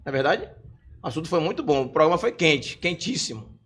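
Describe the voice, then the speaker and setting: A man's voice: fairly high pitch, big pitch swings, fast talker, fairly bright tone. A man hosting a live podcast, joking and teasing while reading out viewer comments in casual chat. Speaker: podcast host.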